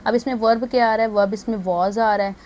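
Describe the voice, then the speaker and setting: A woman, a teacher who explains a grammar lesson in a brisk, step-by-step way. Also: on the high side, fairly even intonation, darkish tone, slight background noise. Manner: brisk and explanatory, labels each word step by step. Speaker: English teacher.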